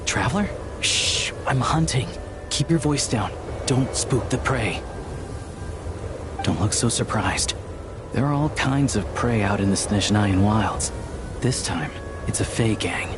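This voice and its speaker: An actor playing a sly, unflappable outlaw hunter in a video game, with a wry, nonchalant, conversational delivery. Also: male voice, on the low side, animated, unhurried, pauses often. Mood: hushed, teasing. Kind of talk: scripted video game voice acting. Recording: music behind the voice. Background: music.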